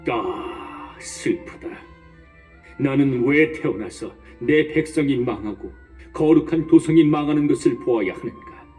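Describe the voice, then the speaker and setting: Actor doing an old priest-patriarch, solemn declaiming, lively swinging pitch, distant mic, soft music under. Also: male voice, measured pace, close to an everyday voice. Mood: grieving lament. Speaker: Mattathias.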